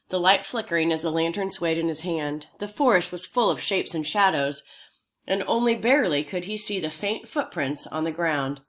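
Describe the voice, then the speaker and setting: A woman reading a children's novel aloud in a steady, unhurried storytelling voice. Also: fairly low pitch. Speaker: audiobook reader.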